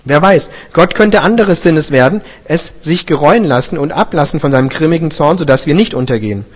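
A man's voice: fairly high pitch, lively intonation, a little fast. A man voicing a royal herald solemnly proclaiming a decree, in a scripture reading. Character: stern king's herald proclaiming a fast.

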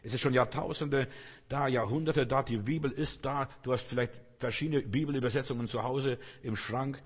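Brief: man pastor, husky, earnest and direct sermon delivery, long hall echo. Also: mid-range voice, steady tone, normal speed. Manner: earnest, repetitive, addresses listeners directly.

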